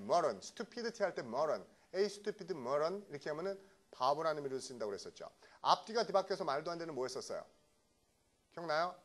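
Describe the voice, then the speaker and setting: A middle-aged man from South Korea teaches English vocabulary in a brisk classroom lecture. His fairly high voice rises and falls a great deal as he keeps checking in with his students.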